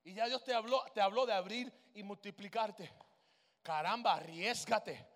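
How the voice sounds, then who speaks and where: A pastor preaches in a church sanctuary, his voice unusually high and gravelly with a rough fry. He swells into shouted, rising crescendos. A long reverb from the hall trails behind him. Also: moderate pace. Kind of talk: charismatic sermon.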